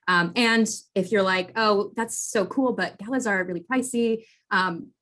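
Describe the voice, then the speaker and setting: A woman in her late twenties hosting an online conference panel over a video call, talking in a warm, grateful, bubbly way. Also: mid-range voice, unhurried. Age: 20s. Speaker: event production manager and conference host.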